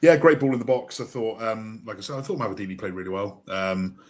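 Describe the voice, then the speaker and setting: On a casual football podcast, a male co-host who is a referee himself talks things through quickly in a fairly low voice. His speech is full of fillers and tag questions.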